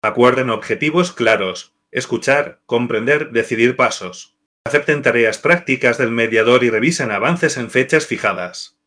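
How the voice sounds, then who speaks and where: Man, bright forceful voice, scripted devotional narration, measured list-like reading. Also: medium pitch.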